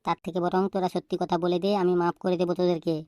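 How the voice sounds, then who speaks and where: Cartoon teacher, male, stern and threatening; woman voices him low, dark and fast, flat delivery. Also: no room sound, clean studio sound, natural voice. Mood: scolding. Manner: threatening, interrogating, quick-talking. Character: stern, scolding male schoolteacher. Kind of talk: cartoon voice acting.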